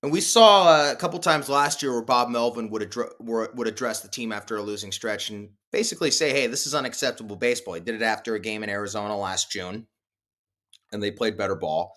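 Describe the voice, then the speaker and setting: On his solo postgame baseball podcast, a male sports host talks with lots of energy, his pitch and volume swinging widely. He slips in small self-deprecating laughs and speaks a little fast.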